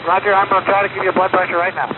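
A man's voice: high voice, level tone, rapid-fire. A man, an astronaut in orbit, talking in clipped radio procedure over a spacecraft radio link from a helmet headset. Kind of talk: terse air-to-ground radio exchange. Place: inside a small spacecraft. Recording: crackly narrowband 1960s radio transmission.

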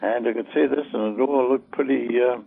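An older man telling a long personal story in an oral-history interview, halting and full of fillers. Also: mid-range voice, fairly even intonation, gravelly, slightly rough. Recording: tinny phone-like old recording.

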